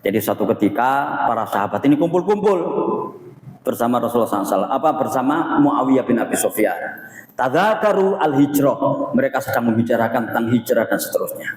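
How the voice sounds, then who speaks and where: A man giving an Islamic study sermon, animated and acting out quoted speech, his voice swinging from hushed to loud. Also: medium pitch, fast. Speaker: preacher. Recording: echoey hall.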